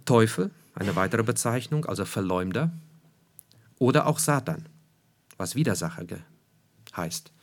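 A man's voice: fairly low pitch, lively intonation, a little slow, long pauses. A man preaching a sermon, emphatic, repeating key phrases for weight and asking his listeners rhetorical questions.

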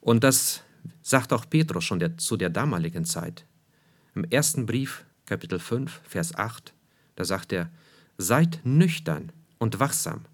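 A man's voice: sits low, lively intonation, unhurried, slightly rough. A man preaching a sermon, emphatic, repeating key phrases for weight and asking his listeners rhetorical questions.

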